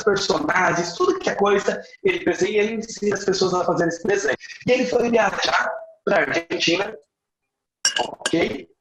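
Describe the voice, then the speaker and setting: Teaching a live online English class, a middle-aged Brazilian man with a high-pitched voice and Brazilian accent gives phrases in English, then their Portuguese translations, drawing out key words for emphasis. The background is noisy, the room echoey and the sound slightly dull.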